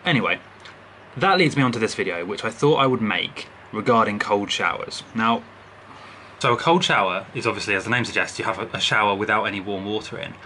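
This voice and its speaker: A man's voice: on the low side, fairly quick, bright, forceful tone, a little hiss or hum. A man in his twenties giving casual, explanatory health advice straight to camera in a bedroom, informally checking in with the listener as he goes. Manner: informal, explanatory, frequently checks in with "right?" and "okay?". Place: small bedroom, indoors. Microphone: camera at arm's length on a desk.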